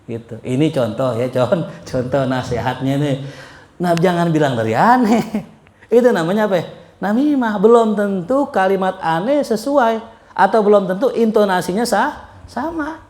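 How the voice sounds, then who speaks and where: A man's voice: high voice, normal speed, darkish tone. A man giving a casual religious study lecture as a preacher, chatty and joking, chuckling often. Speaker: Islamic preacher. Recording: roomy echo.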